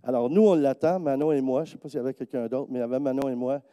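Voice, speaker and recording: A man's voice: racing, clear, resonant tone, no room sound. A man preaching with a Quebec French accent, telling stories and acting out the people in them. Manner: lively storytelling, acting out quoted people in a higher voice. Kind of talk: sermon testimony. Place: church.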